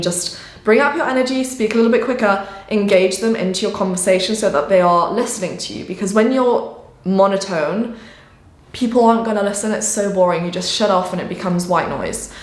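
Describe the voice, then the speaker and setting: A woman coaching viewers on sales in a casual talk to camera. Her delivery is expressive, rising and falling in pitch and energy as she explains each point. She sits at a middle pitch, and the room around her rings with noticeable echo. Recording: echoey room.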